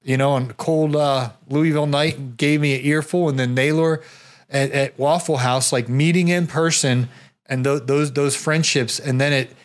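A man's voice: fairly high pitch, fairly even intonation, normal speed. A male podcast host telling anecdotes in casual, informal conversation.

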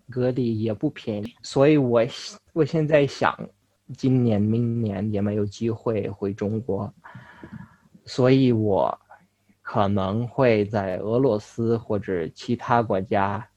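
A young man from Russia, a native Russian speaker, talks casually as an interview guest in foreign-accented Mandarin, halting and correcting himself. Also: medium pitch, fairly even intonation, dark tone, no echo, dull audio. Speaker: interview guest, language learner.

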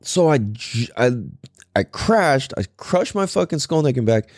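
Rambling, profane guy with lively pitch. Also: a little slow, no echo, studio quality. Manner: rambling, profane, lots of fillers and restarts. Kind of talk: casual storytelling.

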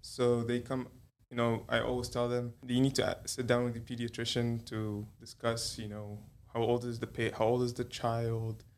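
A young man from Egypt speaks as a pediatrician guest in a conversational interview. His voice stays level and flat in pitch. He hesitates often, restarting sentences with fillers. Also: normal speed, hardly any pauses, a little hiss or hum.

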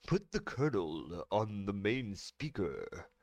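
A man voicing a robed male counselor who talks slowly and sounds bewildered. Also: fairly low pitch, sing-song, no room sound, heavily acted. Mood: commanding. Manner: slow, drawn-out and puzzled.

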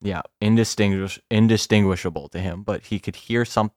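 Male podcast co-host, low resonant voice, dry close mic, relaxed storyteller. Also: no room sound. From Canada. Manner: laughing, swearing storyteller, slows down for suspense. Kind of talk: casual storytelling chat.

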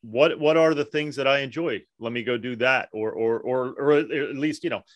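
A man's voice: mid-range voice, moderate pace, no echo, muffled recording. A man co-hosting a podcast, thoughtful and asking questions in casual chat.

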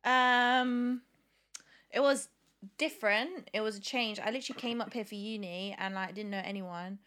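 A woman's voice: medium pitch, steady tone, moderate pace, fairly bright tone. A woman in her twenties with a Leicester accent from the English Midlands, touched by London, talking casually as an interview guest. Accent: Leicester accent, English Midlands, with some London influence. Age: 20s. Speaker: guest, singer.

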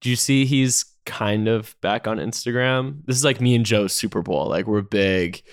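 A young man co-hosting a casual podcast, loud and teasing, swearing freely. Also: lowish voice, normal speed, clear, resonant tone. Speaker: podcast co-host.

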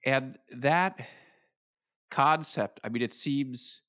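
A middle-aged man hosting a podcast, talking in a measured, reflective way. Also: medium pitch, fairly bright tone, no room sound, studio quality. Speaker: podcast host. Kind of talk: podcast interview.

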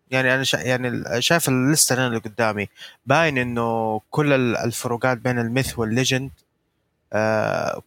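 A man's voice: mid-range voice, a bit bright, no room sound. A man on a podcast who talks hesitantly, searching for words. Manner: hesitant, many fillers and restarts. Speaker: podcast co-host. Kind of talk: casual podcast discussion.

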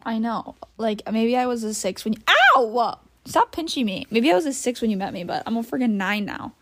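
A woman's voice: on the high side, expressive, brisk. A woman co-hosting a podcast, chatting casually, teasing her partner and laughing often. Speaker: podcast co-host. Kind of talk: casual chat.

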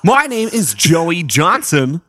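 A man and podcast co-host putting on a smooth radio DJ voice in playful comedic banter. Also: fairly high pitch, slow pace, background noise. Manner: animated, playful announcer delivery.

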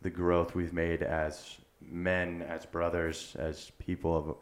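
A young man co-hosting a podcast talks in an earnest, rambling way, full of "like" fillers, in casual chat. His voice is deep, with a level tone and slow pace.

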